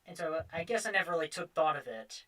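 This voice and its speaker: A woman chats casually on a livestream, her thoughts wandering as she works. Her voice is on the low side with a crisp, bright edge. She sounds a little distant from the microphone. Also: lively intonation, fast. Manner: rambling, jumps between thoughts. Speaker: livestream host painting on stream. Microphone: streaming setup.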